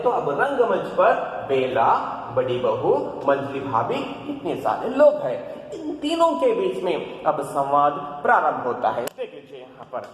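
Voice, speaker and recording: A man teaching a play text, explaining it to students and repeating lines with rhetorical questions. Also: on the high side. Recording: echoey hall, faint background noise.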